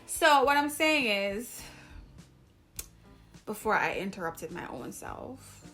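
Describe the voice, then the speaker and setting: Speaking slowly with big swings in pitch, a YouTube host from Jamaica chats to her viewers in a Jamaican accent, rambling and cutting herself off. Her medium-pitched voice is a bit bright, with faint music behind.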